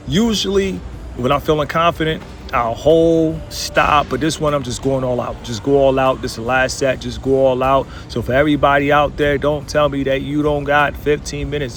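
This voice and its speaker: A man's voice: medium pitch, a little hiss or hum. A man talking through his workout in a vlog, motivational and emphatic, repeating his points. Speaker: fitness vlogger.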